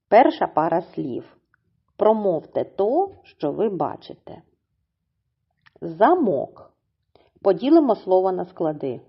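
A woman teacher leads a slow, careful reading lesson and breaks words into syllables. Her voice is husky and slightly low, and it swings widely in pitch. The recording sounds dull and lo-fi. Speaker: primary school teacher.

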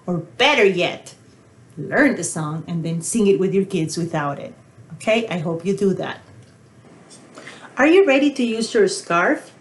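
A woman librarian leading a pre-recorded baby story time with songs and rhymes, talking in a slow, sing-song, encouraging way to toddlers and counting in Spanish now and then. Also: lowish voice, animated, slight background noise. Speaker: children's librarian. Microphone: pre-recorded video.

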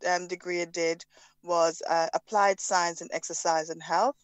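A woman's voice: lowish voice, level tone, moderate pace, dry recording, low-quality recording. A woman from Jamaica with a Jamaican accent, chatting as a podcast guest with plenty of fillers. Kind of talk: casual interview.

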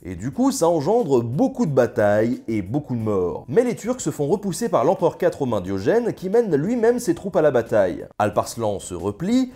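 A man's voice: fairly high pitch, wildly swooping pitch, moderate pace, few pauses, dark tone. A young man narrating history in a casual scripted style, full of ironic, slangy asides. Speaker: history video host.

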